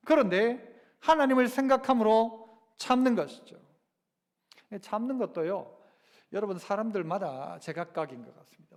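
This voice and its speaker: A man's voice: high voice, big-room sound. A man preaching a sermon as pastor, talking with the congregation through rhetorical questions and acting out quoted lines. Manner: acts out quoted lines in a lively voice. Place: church sanctuary.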